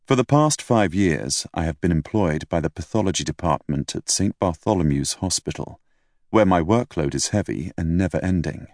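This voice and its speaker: A man narrating an audiobook in a measured, formal storytelling manner. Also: low-pitched, darkish tone, no echo, studio quality.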